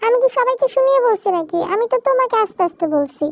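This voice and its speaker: A woman's voice: extremely high pitch, animated, fast talker, no echo, voice pushed up. A woman voicing a naive, chatty little girl bride in a storybook drama, asking question after question in a whiny tone.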